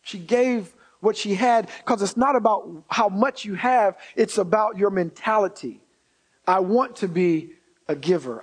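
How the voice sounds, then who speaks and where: This is a sermon to a congregation from a preacher, a man with a strikingly high voice. His delivery is emphatic, leaning on repeated key phrases, and he breaks off to speak to listeners directly through asides and rhetorical questions.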